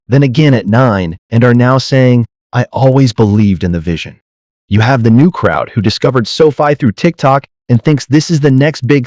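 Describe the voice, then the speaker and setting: A man's voice: mid-range voice, darkish tone, no echo, studio quality. A man hosting as a parody news anchor, reading scripted comedic narration in a mock-serious way. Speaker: host of a weekly fintech parody news show.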